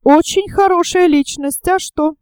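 Blunt scheming young man in an audiobook, curt and rough, read by a woman, mellow and dry. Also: extremely high pitch, a little slow, no echo, voice pushed up.

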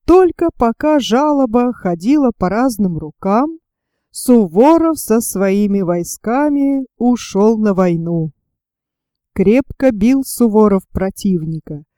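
A woman narrating a historical storybook tale in a slow, deliberate manner. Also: on the high side, expressive, dark tone, dry recording, studio quality.

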